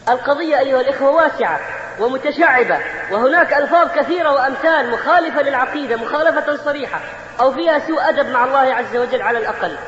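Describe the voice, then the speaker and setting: A man preaching a Friday sermon in a very high voice, moving along at a brisk clip and stretching out key words to stress them. His voice rings through a large mosque hall with a long echo, and the recording sounds muffled and lo-fi. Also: fairly bright tone. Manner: addresses the congregation directly, drawing out words for emphasis.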